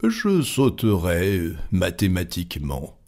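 A man reading an audiobook and voicing a cool, unflappable English gentleman who speaks tersely and calmly. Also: on the low side. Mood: unruffled. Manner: calm, terse, measured.

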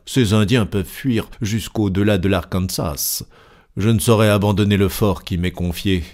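A man's voice: on the low side, normal speed, darkish tone, natural voice. A man reading as a stern army captain. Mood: firm. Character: stern middle-aged army captain, proud of duty. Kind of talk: audiobook reading.

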